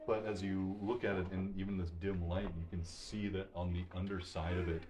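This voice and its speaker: A man narrating as game master, relaxed and rambling, with lots of fillers. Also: low voice, brisk.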